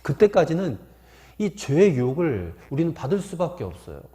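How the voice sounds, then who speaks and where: A man's voice: on the high side, sing-song, moderate pace, warm tone. A man preaching a sermon as pastor, telling folksy stories and posing rhetorical questions to the congregation. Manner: folksy storytelling with anecdotes.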